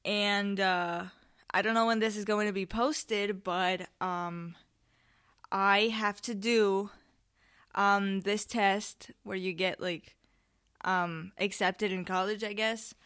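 A woman's voice: mid-range voice, steady tone, slow pace, fairly bright tone, clear, resonant tone. A teenage girl from Spain hosting her podcast, rambling casually with many ums and restarts, a little tired and nervous. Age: late teens. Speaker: podcast host. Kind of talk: casual solo podcast chat.

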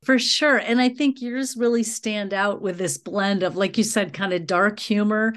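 A woman with a medium-pitched voice hosts an interview. She talks in a casual, conversational style, as a podcast interviewer does. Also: fairly even intonation, moderate pace, a bit bright.

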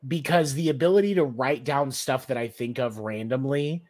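A man hosting a podcast, chatting casually and cracking quick jokes. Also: medium pitch, a little mellow. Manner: quick joking asides. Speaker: podcast host.

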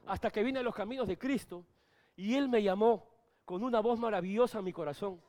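A middle-aged male pastor preaching a sermon, moving between soft asides and loud, emphatic peaks. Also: high voice, fairly quick.

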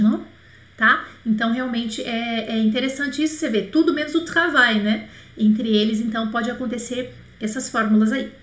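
High-voiced woman teaching in an echoey room. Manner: explanatory, spells words out, checks in with "tá?". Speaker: French teacher. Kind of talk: live-stream language lesson.

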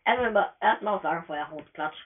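Excitable woman gaming on a tinny line. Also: fairly low pitch, fast, a little hiss or hum. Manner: excitable, chatty, slangy, often stumbles over words. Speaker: gamer narrating her play. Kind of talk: casual let's-play commentary. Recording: tinny phone-quality voice message.

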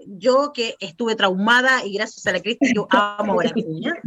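A Chilean woman hosting a casual chat, asking guests questions in a lively way. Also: mid-range voice, normal speed. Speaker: host.

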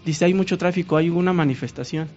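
A man with a Mexican accent tells a long story as a guest, acting out the voices of the people he met in a lively way. His voice sits a little high for a man. The audio is muffled and lo-fi, with faint music underneath. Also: fast. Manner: animated, acts out quoted dialogue. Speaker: guest painter. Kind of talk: casual storytelling.

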